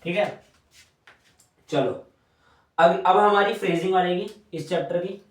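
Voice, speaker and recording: A man's voice: high voice, measured pace. A young man teaching shorthand at a whiteboard, patiently repeating each stroke aloud as he draws. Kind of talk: whiteboard lesson. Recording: echoey room, voice from a distance.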